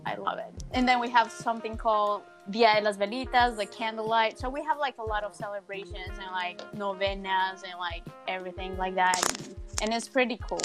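A woman from Colombia with a Colombian accent, a Spanish speaker talking English, chatting casually and lively as a guest. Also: mid-range voice. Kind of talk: casual chat.

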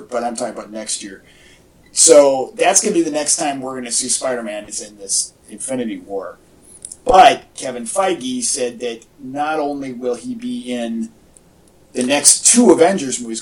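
Recorded from a distance, a man with a mid-range, slightly mellow voice co-hosts a casual fan podcast. He rambles enthusiastically about superhero movies in echoey, off-mic home audio.

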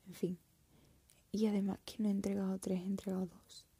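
Young woman in her twenties, mellow, husky whisper, hesitant confessional vlogger. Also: medium pitch, level tone, brisk, dry recording. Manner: soft whisper, hesitant and reflective. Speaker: art student.

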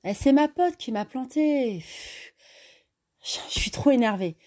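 A woman's voice: a little high, moderate pace, darkish tone, voice pushed up, natural voice. A woman voicing a young female newcomer to the city, guarded and easily exasperated, in a raised, tense voice. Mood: irritated.

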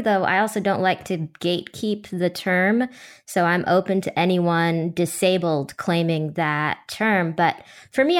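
A woman speaking as a panelist in a thoughtful, conversational discussion, articulate and measured, with academic wording. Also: mid-range voice.

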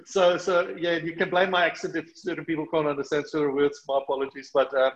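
Speaking quickly in a fairly high, level voice, a middle-aged charity partnership manager with a South African accent answers earnestly as an interview guest. He uses many fillers and restarts his sentences often. The recording lacks high frequencies.

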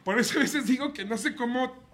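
A man's voice: very high-pitched, a little fast, fairly bright tone. A man with a Mexican accent co-hosting a podcast, telling crude stories in a casual, laughing way and acting out moans. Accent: Mexican Spanish. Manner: crude, laughing storyteller who acts out moans. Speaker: podcast co-host. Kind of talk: casual comedic chat.

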